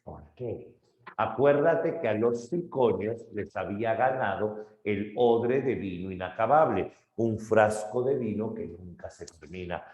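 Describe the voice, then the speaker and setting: A male literature teacher retelling a story dramatically, shifting his pace and loudness, in an echoey room. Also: lowish voice, expressive, a little slow. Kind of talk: lively story retelling in a lesson.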